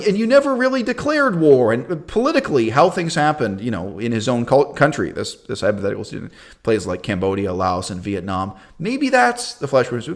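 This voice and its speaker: A channel host with a fairly high voice delivers a forceful, opinion-heavy history talk. His loud outbursts keep dropping down into quiet asides.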